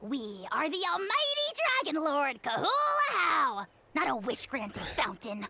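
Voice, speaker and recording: A woman's voice: high-pitched, huge pitch swings, unhurried, heavily acted. A woman voicing a pompous tiny male dragon lord in a video game, grandiose and imperious with cackling laughs. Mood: condescending. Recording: game audio with loud music.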